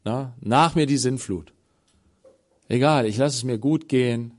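A man preaching a sermon, dropping to hushed tones and rising to loud appeals, acting out biblical dialogue. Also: mid-range voice, measured pace.

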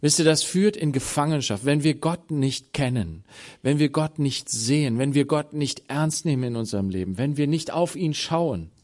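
A man preaching a sermon, dropping to hushed tones and rising to loud appeals, acting out biblical dialogue. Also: a little high, normal speed.

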